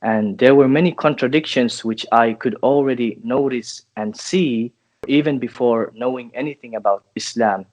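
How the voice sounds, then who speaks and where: A man's voice: mid-range voice, a little mellow, dull audio. Thoughtful young man answering questions. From Finland. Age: 20s. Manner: thoughtful, halting, with many restarts. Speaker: guest. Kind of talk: interview answers.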